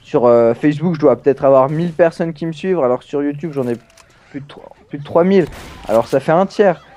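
A man's voice: a little high, fast talker, mellow. A young man hosting a casual let's play, chatting playfully with many fillers. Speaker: gaming channel host.

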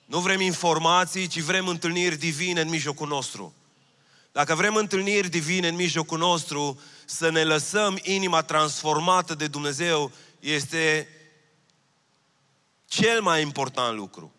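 Long reverb rings through the large hall as a Romanian pastor in his thirties gives a sermon from the church stage. He holds a handheld mic, and his voice is on the high side with a sharp tone. His delivery is earnest, with key phrases repeated.

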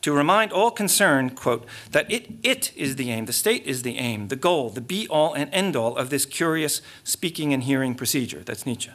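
A middle-aged man gives a keynote lecture at a lectern microphone on a large curtained lecture-hall stage, reading an academic talk from his notes. His mid-range voice is animated with a fairly bright tone. He keeps a measured manner, often restarting and muttering asides.

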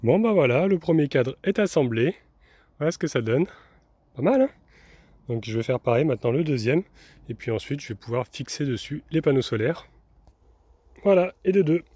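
This young man's voice is on the high side, mellow and husky, with lively intonation, a moderate pace, long pauses, and no echo. A vanlife vlogger, he chats casually about a DIY build while working, partly on a camper van roof outdoors, full of fillers and restarts.

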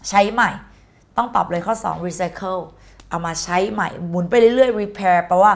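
A woman's voice: mid-range voice, normal speed. A woman teaching an exam-prep English lesson in a chatty, playful way, mixing English words into her speech. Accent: Thai.

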